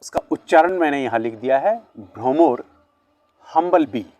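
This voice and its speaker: A man teaching word lists at a board, switching between two languages and slowly repeating each word's pronunciation. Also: a little high, lively intonation, darkish tone, no room sound. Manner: slow, repeated pronunciation of words. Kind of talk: bilingual vocabulary lesson at a board.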